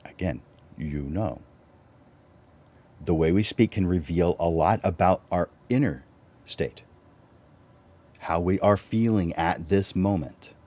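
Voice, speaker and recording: A man with a low voice hosting a live-stream teaching talk, relaxed and conversational, with fillers and restarts. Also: takes it slowly, long pauses. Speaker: host.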